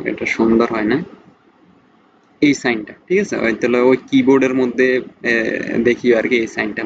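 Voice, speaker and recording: Hesitant young man explaining code. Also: medium pitch. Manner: many hesitations, rhetorical questions, repeated "thik ache?". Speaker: programming teacher. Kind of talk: casual tutorial explanation. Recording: slightly dull sound with faint noise.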